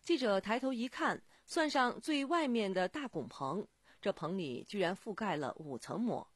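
A woman presenting local radio news in a scripted, lively newsreader delivery. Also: medium pitch, normal speed, breathy edge, no room sound.

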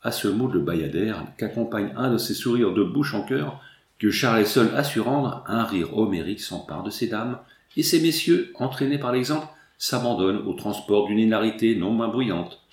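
A man narrating a classic story in a measured, expressive reading. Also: fairly low pitch, reverberant. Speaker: audiobook reader.

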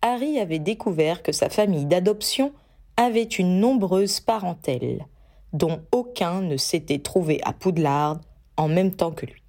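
A woman reading a fan fiction audiobook in an even, measured way. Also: lowish voice. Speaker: audiobook reader.

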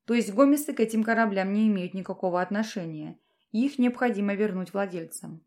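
A woman reading a fantasy romance audiobook in an even, measured narration. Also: mid-range voice. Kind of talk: scripted narration.

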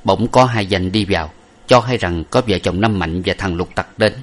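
A man reading a novel aloud as narrator, in a steady, even storytelling manner. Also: deep voice, normal speed.

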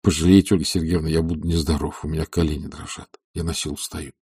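A timid, pleading gentleman from a classic novel, read by a man narrating the audiobook. He speaks softly and quietly in a very low, dark, husky voice. Dry recording close to the mic. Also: flat delivery, quick pace, no room sound, exaggerated voice.

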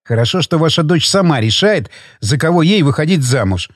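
A man's voice: fairly high pitch, lively intonation, fairly quick, dry recording, studio quality. A man voicing a defiant young husband. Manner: curt, defiant retorts. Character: defiant young husband, stubborn and sharp-tongued.

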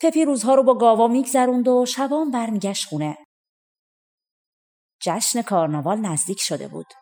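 A woman reading a folk tale audiobook in a gentle storytelling manner. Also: on the high side. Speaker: audiobook reader.

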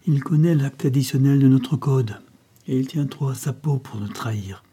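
A man's voice: medium pitch, moderate pace, warm tone, husky, natural voice. A man reading the part of a scheming older male gang chief who gives menacing commands. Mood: brooding.

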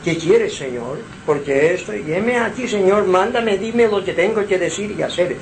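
A man's voice: high-pitched, animated, moderate pace, slight background noise, rough recording. A man voicing a young man of about twenty, earnestly and humbly answering a voice calling him. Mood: pleading.

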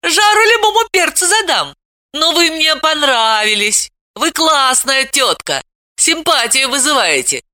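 A woman reading an audiobook, voicing a defiant, provocative young woman who talks loudly and cheekily. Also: sits high, very animated, unhurried, dry recording, studio quality, voice pushed up, heavily acted. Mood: defiant, brash. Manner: loud, exclamatory, cheeky. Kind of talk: audiobook character voice.

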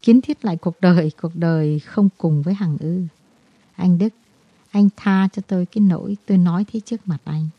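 A woman voicing a guilt-ridden, despairing man who confesses in a halting, brooding way, in a storybook reading. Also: lowish voice, husky, no echo, muffled recording.

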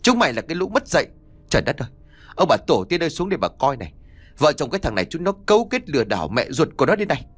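A quick-tempered elderly mother-in-law, put on by a male narrator in an audio storybook. She scolds and shouts, her voice lively and rising. The sound is close and dry. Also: sits low, no echo, voice pushed down. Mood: furious.

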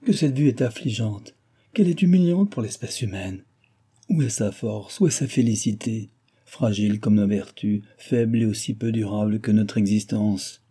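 A man's voice: on the low side, moderate pace, dark tone, breathy edge. A man reading the part of a tearful, compassionate old man who laments in solemn exclamations, in an audiobook. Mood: lamenting. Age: older.

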